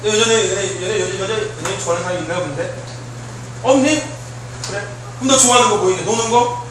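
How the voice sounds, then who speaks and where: A male youth pastor giving a lively sermon to teenagers, shouting, joking and acting out kids' excited reactions while quizzing them. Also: high-pitched, fast talker, noisy background. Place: church hall. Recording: roomy echo from far off.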